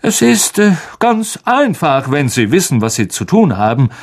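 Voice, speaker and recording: A man voicing a vain, pompous teacher who talks loudly and full of himself. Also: on the high side, sing-song, a little slow, voice pushed up, heavily acted. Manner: pompous, loud and self-satisfied.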